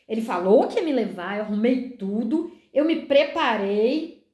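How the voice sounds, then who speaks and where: A middle-aged woman pastor with a Brazilian Portuguese accent shares a personal testimony in a candid, conversational devotional style. Her voice sits high, and she keeps turning to her listeners to check they follow. The recording has a roomy echo. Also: expressive, normal speed, mellow.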